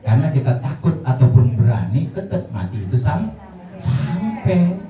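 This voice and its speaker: A man gives an informal religious talk to a study circle. He is lively and jokey, and acts out little voices. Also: medium pitch, normal speed. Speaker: preacher at a women's study circle. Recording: echoey hall, distant mic, muffled.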